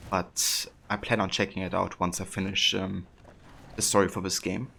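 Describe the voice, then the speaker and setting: Brief: young male game streamer, low and creaky, casual hesitant chat, little pitch movement, faint noise behind. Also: level tone. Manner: hesitant, pausing, reads chat aloud. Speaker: livestreamer.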